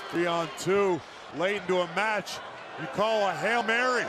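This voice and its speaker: A man's voice: high voice, moderate pace, crowd noise, noisy background. A man giving live color commentary on wrestling, in polished, analytical phrases.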